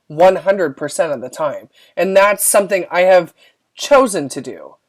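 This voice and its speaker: Chatty woman with a low voice. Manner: chatty, emphatic, many fillers. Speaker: beauty sales team leader. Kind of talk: casual motivational talk to camera.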